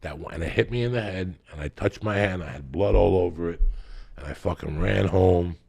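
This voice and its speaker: A man's voice: deep voice, a little fast, gravelly, darkish tone, breathy edge. A middle-aged man, telling wild stories in casual, profane podcast chat, often breaking into laughter. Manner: profane, rambling, laughing storyteller.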